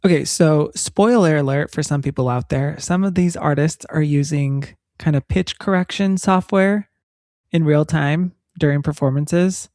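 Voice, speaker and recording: Her deep, darkish voice comes through with no room sound in a clean studio recording made in Texas. Unhurried, she co-hosts a podcast, chatting casually and illustrating ideas with examples.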